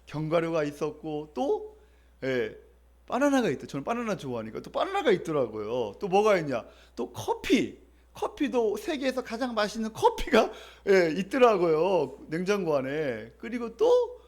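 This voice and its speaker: A male pastor preaching a sermon in a conversational, storytelling way, asking the congregation questions and leading them in call-and-response readings. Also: high-pitched.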